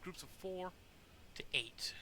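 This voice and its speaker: A man with a fairly high voice talks tactics in a military game squad. His talk mixes casual chat, swearing and radio jargon, over clearly noisy voice chat. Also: lively intonation, takes it slowly. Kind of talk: casual tactical chat during online gameplay.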